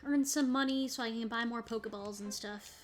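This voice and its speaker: A woman's voice: on the high side, steady tone, a little fast, soft background music. A woman streaming a video game, chatting casually and rambling as she plays, often breaking into laughter. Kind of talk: casual gaming commentary.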